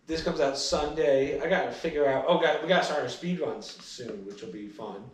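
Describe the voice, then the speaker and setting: Hosting a podcast in loose, joking chat, this young man talks a little fast in a slightly high voice, mocking himself and laughing mid-sentence. The mic is some distance away, and the room gives off a noticeable echo.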